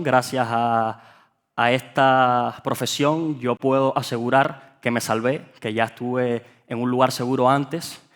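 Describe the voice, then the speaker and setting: Earnest Cuban-accented man speaking on a panel. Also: mid-range voice. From Cuba. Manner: earnest, pauses on fillers and repeats. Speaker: actor. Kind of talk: panel talk. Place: event hall.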